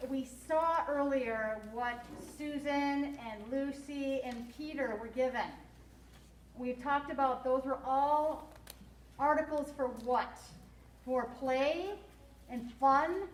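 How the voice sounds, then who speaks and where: A woman's voice: sits high, takes it slowly, slight background noise. A woman teacher leading a class reading lesson, explaining words and quizzing her students. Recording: roomy classroom from far off.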